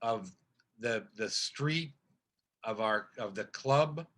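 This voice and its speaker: A man's voice: on the low side, slow pace, a bit bright. An older male actor, a podcast guest, telling stories in a casual, rambling way with many restarts.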